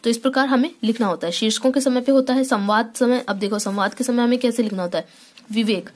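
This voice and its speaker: Higher-pitched woman teaching a grammar lesson. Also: quick pace. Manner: explains step by step with frequent hesitations and check-ins. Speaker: school teacher.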